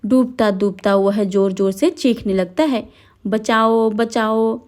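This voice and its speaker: A woman narrating a devotional folk tale in a steady, dramatic storytelling manner. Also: mid-range voice, unhurried.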